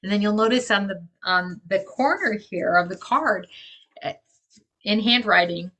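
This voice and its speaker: Excited lady chatting on a video call, super gushy, bright crisp voice. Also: medium pitch, measured pace, slight background noise. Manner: enthusiastic and gushing. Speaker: crypto community organizer.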